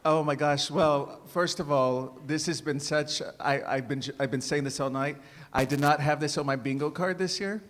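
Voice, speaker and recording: A man giving an informal, spontaneous acceptance speech in a halting way. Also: fairly high pitch, fairly even intonation, fairly bright tone. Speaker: award winner. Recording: echoey hall with clear background noise.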